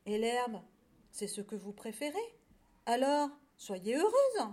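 A woman's voice: on the high side, sing-song, unhurried. A woman reading aloud, voicing a small cheerful lamb who exclaims eagerly. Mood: coaxing. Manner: bright, exclaiming delivery.

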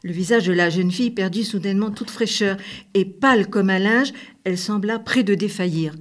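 A woman narrating a storybook. Her reading is gentle and measured, with a mid-range voice. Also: mid-range voice.

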